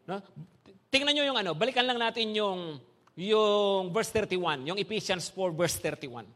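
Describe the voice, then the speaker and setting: A man with a Filipino accent preaching a sermon to a congregation, animated and full of rhetorical questions that check the listeners follow along. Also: high voice, moderate pace. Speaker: pastor. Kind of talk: bilingual sermon.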